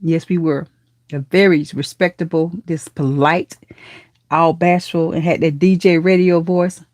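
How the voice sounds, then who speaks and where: A woman's voice: low-pitched, fairly even intonation, measured pace, no echo, studio quality. Churchy auntie woman on a live stream. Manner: warm affectionate auntie talk, calls viewers baby and honey; churchy, speaks of God and blessings. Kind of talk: casual live chat reading comments.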